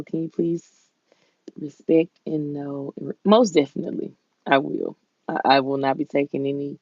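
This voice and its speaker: Southern us lady chatting on her stream, folksy drawl, lots of vocal fry, kinda dull lo-fi mic. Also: a bass voice, dry recording. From southern United States. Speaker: livestream host. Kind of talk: casual chat with viewers.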